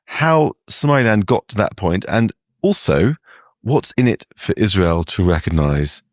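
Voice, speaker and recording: A man hosting an interview, asking questions in a relaxed way with occasional fillers. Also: on the low side, unhurried, dry recording, studio quality. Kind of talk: interview conversation. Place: TV studio.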